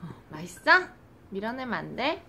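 A woman's voice: mid-range voice, big pitch swings, normal speed, vocal fry. Sing-song young mother coaxing a baby. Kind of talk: casual home video. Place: home. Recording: noisy home recording.

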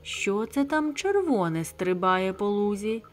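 A woman voicing a gleeful, hungry male stork who teases in a slow sing-song way in a storybook tale. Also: medium pitch, animated, soft background music, close to an everyday voice. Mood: amazed, gloating.

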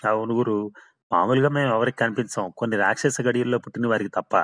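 A man's voice: medium pitch, fairly even intonation, fast talker, a bit bright, close to an everyday voice. A man voicing the ghost of a hard-drinking male laborer who keeps swearing his tale is true, in a storybook reading. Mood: eerie.

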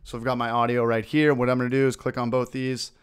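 Casting note: man, mid pitch, smooth resonant voice, casual upbeat tutorial host narrating his clicks. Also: flat delivery, quick pace. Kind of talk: screen-recorded software tutorial.

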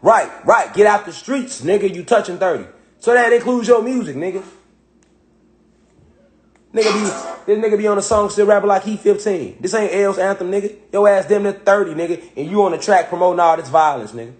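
A man's voice: high-pitched, fairly quick, darkish tone. A man in his thirties giving confrontational reaction commentary, calling out a rapper directly in heavy street slang. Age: 30s. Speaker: commentator reacting to rap songs.

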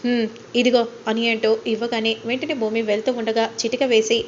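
A woman narrating a TV serial recap, telling the story briskly and voicing its characters. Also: on the high side, flat delivery, muffled recording, a little hiss or hum.

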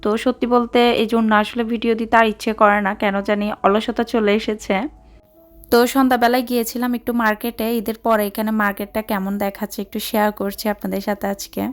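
A woman's voice: on the high side, flat delivery, quick pace, faint music behind. Chatty woman explaining a recipe. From Bangladesh. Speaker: vlogger. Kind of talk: casual vlog narration. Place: mall, indoors.

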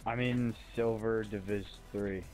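A man's voice: on the low side, normal speed, music in the background. A young man in casual game chat, swearing and joking with his friends. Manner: animated, foul-mouthed joking. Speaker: gamer in a group voice chat. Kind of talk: casual chat while gaming.

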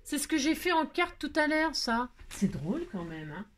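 Brief: woman vlogger, slightly high voice, effusive and chatty, repeats her delight, restarts sentences. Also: big pitch swings, moderate pace, a little hiss or hum. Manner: effusive, gushing, repeats exclamations. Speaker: craft vlogger opening mail. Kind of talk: casual chat to viewers.

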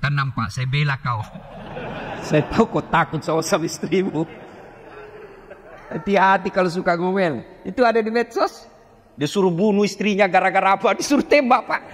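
A man's voice: sits high, normal speed. A man preaching a humorous sermon, joking with the congregation and acting out the voices of husbands and wives. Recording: long hall reverb.

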